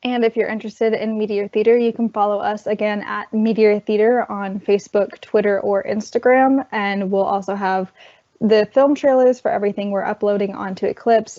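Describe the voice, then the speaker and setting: A woman's voice: medium pitch, mellow. Student worker woman chatting thru slides, voice going, muffled call sound. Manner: chatty, explains while cueing slides. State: losing her voice, clearing throat. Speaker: student worker presenting campus film events. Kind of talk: virtual orientation presentation. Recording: dull lo-fi online call audio.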